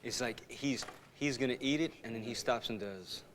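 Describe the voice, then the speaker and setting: A man chatting casually, giving relaxed comments. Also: mid-range voice, normal speed, background noise. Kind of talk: casual chat.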